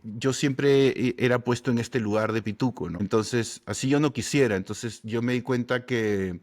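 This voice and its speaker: A man from Peru with a Peruvian Spanish accent, chatting as a comedian guest in a relaxed, storytelling way, often ending phrases with a questioning tag. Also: medium pitch, moderate pace. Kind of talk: casual interview chat.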